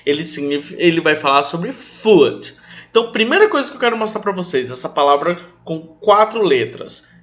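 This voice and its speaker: A young Brazilian man teaching English to children online, calling his pupils affectionate names and drilling new words slowly for them to repeat. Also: on the high side, very animated, fairly bright tone. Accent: Brazilian Portuguese. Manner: affectionate, calls pupils "meus amores", speaks of himself as "tio".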